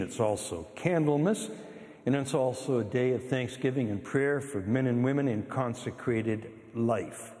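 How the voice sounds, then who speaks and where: A man's voice: medium pitch, darkish tone. An older man, a priest reading and preaching at Mass from a lectern, his voice echoing through a church like a cathedral. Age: older, 60s or above. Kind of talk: scripture reading and homily at Mass. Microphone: gooseneck lectern microphone. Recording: long hall reverb.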